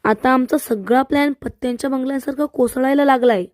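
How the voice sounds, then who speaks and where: Brief: woman doing anxious schemer, high pitched, pleading. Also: steady tone, a little fast, darkish tone, dry recording, clean studio sound, natural voice. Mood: panicky. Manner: frightened, pleading. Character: anxious scheming young woman posing as daughter.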